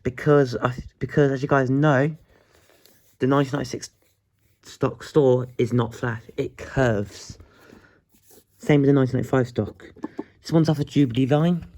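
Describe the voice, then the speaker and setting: Just-woke-up groggy guy, mellow dark voice, chatting through his hobby vlog and restarting lines a lot. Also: medium pitch, steady tone, moderate pace, long pauses. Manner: chatty, restarts sentences often. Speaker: hobbyist video host. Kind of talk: casual show-and-tell vlog.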